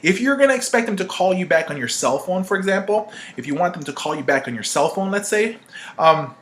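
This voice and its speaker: Sitting high and sounding animated, a man's voice runs a little fast with a fairly bright tone. He gives an informal instructional talk on marketing, acting out example calls and often checking in with "right?" in a conversational, emphatic style.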